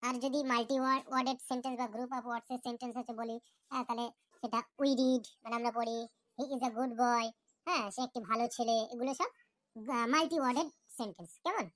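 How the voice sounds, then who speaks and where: A woman's voice: a little high, steady tone, fast, a bit bright, no echo, lightly acted. A woman voicing a patient female teacher in a cartoon lesson, explaining step by step and often checking that the class understands.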